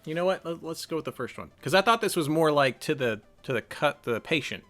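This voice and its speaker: Speaking fast in a slightly high, animated voice with a fairly bright tone, this man narrates an interactive text game as a let's-play, thinking aloud about his choices and chatting casually. Faint music can be heard behind him.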